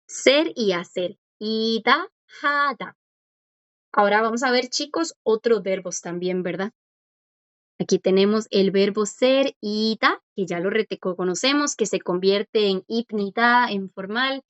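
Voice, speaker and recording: A woman's voice: mid-range voice, dry recording. A woman teaching a language class, patient and encouraging as she quizzes students and praises their answers. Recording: dull lo-fi dry audio.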